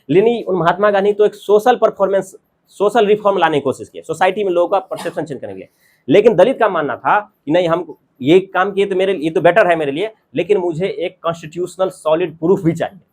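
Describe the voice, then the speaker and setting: A man with a somewhat high voice lectures to his students. He speaks English with an Indian accent. He reads each English line slowly and then explains it in Hindi with examples from daily life. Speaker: teacher.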